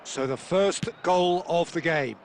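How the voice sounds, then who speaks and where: High-pitched male football commentator. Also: a little hiss or hum. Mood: measured. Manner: measured, rising to excited calls. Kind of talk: scripted video game sports commentary.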